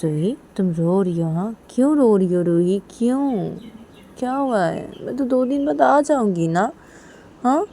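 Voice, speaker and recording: A woman's voice: mid-range voice, a little slow, warm tone, slight background noise, lightly acted. A woman voicing an anxious young woman who keeps coaxing her crying partner with repeated questions. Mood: pleading.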